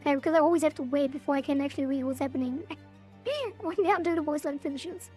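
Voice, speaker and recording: Female gameplay commentator, high-pitched, casual, thinking out loud, faint music underneath. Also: fast talker. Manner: thinking aloud. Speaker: game streamer. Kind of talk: casual gameplay commentary, reading game text aloud.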